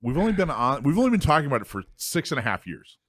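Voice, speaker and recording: A man's voice: medium pitch, very animated, rapid-fire, fairly bright tone, no echo. A man hosting a talk radio show, chatting casually and joking with his co-hosts, often restarting his sentences.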